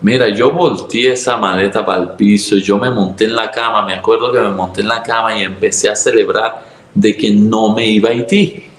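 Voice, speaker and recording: A man from Venezuela with a Venezuelan Spanish accent, a pastor telling his personal testimony in conversation, acting out what people said with sudden jumps in his voice. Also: moderate pace. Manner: lively storyteller who acts out dialogue with sudden jumps in pitch. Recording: roomy echo.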